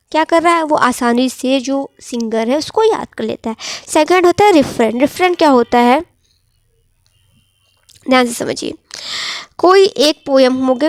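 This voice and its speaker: A woman with a high voice gives an exam-prep literature lecture. She keeps asking questions and answering them herself, and slows right down for quoted verse. The sound is dry and close. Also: no echo. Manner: reads English verse slowly, then explains it. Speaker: literature teacher.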